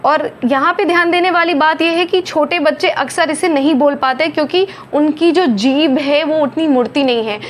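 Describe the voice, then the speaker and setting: A woman teaching a phonics lesson, slowly over-articulating each letter sound. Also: high voice, slight background noise. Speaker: Hindi teacher.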